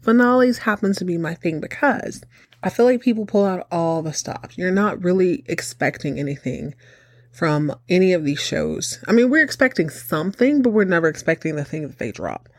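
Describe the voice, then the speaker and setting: A woman's voice: on the low side, expressive, moderate pace, no room sound, clean studio sound. A woman hosting a TV recap show with casual, chatty commentary and a campy, sassy, theatrical delivery. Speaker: host of a TV soap recap show.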